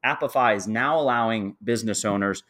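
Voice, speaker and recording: A man with a fairly low voice hosts a podcast, delivering a polished, scripted-sounding introduction. He then poses questions to his guest in the same smooth, practiced way. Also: brisk, a bit bright. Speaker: podcast host.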